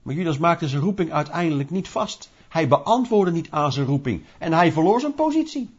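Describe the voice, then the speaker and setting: A man preaching a sermon in a lively, conversational way, asking rhetorical questions and acting out little scenes. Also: a little high, moderate pace, breathy edge. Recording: dull lo-fi recording.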